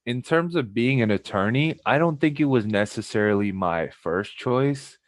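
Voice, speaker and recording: A man's voice: medium pitch, lively intonation, moderate pace. A young man from Pakistan, a podcast guest, chatting casually and rambling with many restarts. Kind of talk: casual chat.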